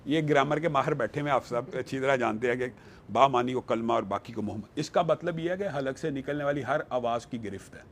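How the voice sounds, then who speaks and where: A man's voice: mid-range voice, a little hiss or hum. A man, a religious scholar, talking earnestly and arguing his case in a panel discussion, quoting scripture along the way. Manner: earnest, argumentative, quotes scripture.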